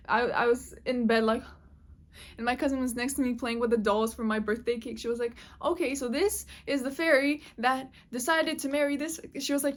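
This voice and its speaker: A chatty woman narrates a casual storytime as she draws. Her voice sits a little on the higher side, and her talk is full of fillers and offhand swearing. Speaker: vlogger.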